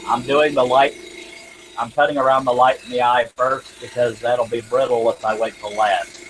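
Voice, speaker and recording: On a rough recording with a little hiss or hum, a scroll saw craftsman hosts a workshop livestream. His medium-pitched voice is flat and at normal speed, yet his casual chat while working stays folksy and joking.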